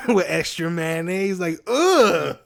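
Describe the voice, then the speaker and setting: A young man co-hosting a casual podcast chat, profane and rambling, who laughs often and gets excitable when retelling scenes. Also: mid-range voice, moderate pace. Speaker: podcast co-host.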